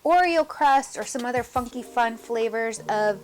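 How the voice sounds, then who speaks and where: Upbeat woman chatting thru a recipe on her cooking show, kinda high voice, talks right to the viewers. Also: moderate pace, soft background music. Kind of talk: casual cooking demonstration.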